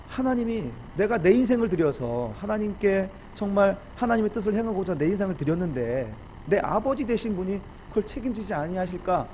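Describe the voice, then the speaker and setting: A man preaching a sermon as pastor, emotional and at times rising to loud pleading. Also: sits high, slight background noise, poor audio.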